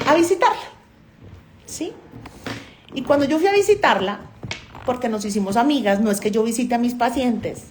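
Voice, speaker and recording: A woman's voice: a little high, a little mellow. A Colombian woman, a doctor and therapist, giving a motivational talk to an online audience and telling stories in which she acts out the dialogue. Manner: storytelling, often acting out dialogue.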